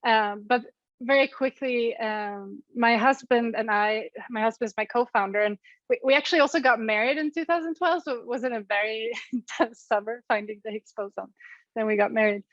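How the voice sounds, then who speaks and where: At a normal speed, a woman with a somewhat high voice and a Swedish accent answers interview questions over a call. She comes from Sweden, co-founded an app, and speaks thoughtfully while saying "um" and "like" often. The recording is muffled, with no room sound.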